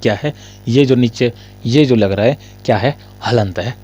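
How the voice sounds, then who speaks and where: A male Hindi grammar teacher in a casual lesson. He asks his students questions, answers them himself, and often coughs and clears his throat. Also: mid-range voice, moderate pace, a little mellow, muffled recording.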